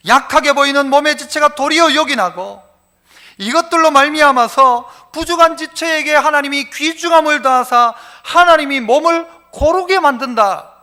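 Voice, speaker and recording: A middle-aged male pastor with a Gyeongsang accent, preaching a sermon, sometimes dropping into dialect and acting out quotes. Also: extremely high pitch. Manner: preaching with dialect asides and acted quotes, varying loudness.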